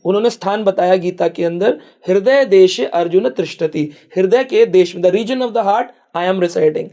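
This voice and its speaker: Man, spiritual podcast guest; high pitch, gravelly, storytelling tone. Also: measured pace, mellow. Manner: storytelling, mixing English phrases. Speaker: spiritual speaker. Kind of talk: podcast conversation.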